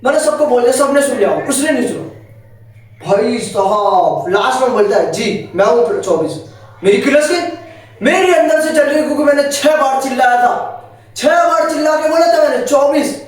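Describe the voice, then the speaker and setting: High-voiced teen guy, echoey and distant. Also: a little fast. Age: late teens. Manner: animated, indignant retelling. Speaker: vlogger, school student. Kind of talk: casual storytelling vlog. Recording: echoey room, far from the mic.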